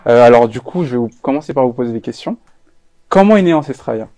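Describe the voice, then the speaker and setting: A man hosting an interview show, opening it with an energetic, welcoming introduction. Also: mid-range voice, fast talker, dry recording. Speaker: interview host.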